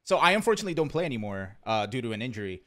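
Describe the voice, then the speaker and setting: A man from Brazil, raised in rural Pennsylvania, speaking as a podcast guest in a relaxed, rambling way full of "like.". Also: medium pitch, very fast. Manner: relaxed, rambling, heavy use of "like". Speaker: podcast guest, former musician. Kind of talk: casual podcast chat.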